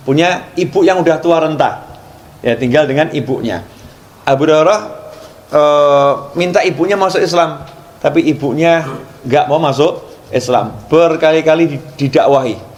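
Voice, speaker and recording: A middle-aged man preaching in a conversational storytelling way, often repeating and correcting his words as he explains. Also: mid-range voice. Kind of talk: sermon storytelling.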